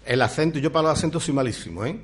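A man's voice: a little high, lively intonation, very fast, breathy edge. A man chatting as a radio guest, easygoing and self-deprecating, often calling the host 'tío'. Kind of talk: casual radio chat. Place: radio studio.

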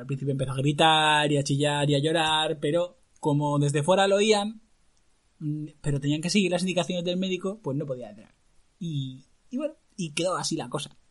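Husky, lively male storyteller. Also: a little high. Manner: lively, earthy, colloquial. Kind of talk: oral folk-tale telling to a listener.

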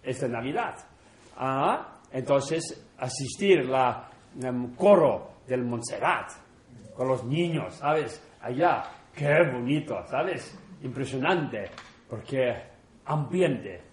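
A man, a monk, talking casually to a small group in halting non-native Spanish, full of fillers and tag questions. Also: medium pitch, expressive. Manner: unhurried, chatty, often chuckling. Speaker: monk leading an informal group session. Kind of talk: informal talk to a small group. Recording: roomy echo in an indoor room.

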